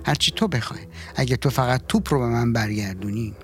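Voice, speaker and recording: A man's voice: mid-range voice, close to an everyday voice. A man voicing a spoiled, dismissive young princess in a storybook reading, with his voice slightly raised.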